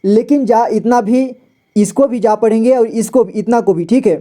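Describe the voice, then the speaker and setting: A man teaching a lesson, patient and repetitive, often slowing down to spell out sounds. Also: very high voice, dark tone. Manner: patient, repeats "ठीक है" often. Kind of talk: explaining a lesson.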